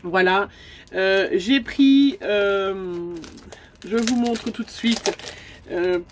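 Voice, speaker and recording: A woman's voice: mid-range voice, drawn-out words. A woman with a stuffy nose chatting casually in a camper van about her craft supply haul, full of fillers and asides. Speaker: craft vlogger.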